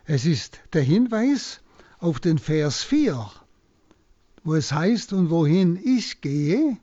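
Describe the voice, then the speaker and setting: A man, a priest, slowly and deliberately explaining a Bible passage on a radio broadcast. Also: on the high side, very animated, mellow, no room sound, muffled recording. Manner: slow, deliberate teaching. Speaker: priest giving a Bible talk.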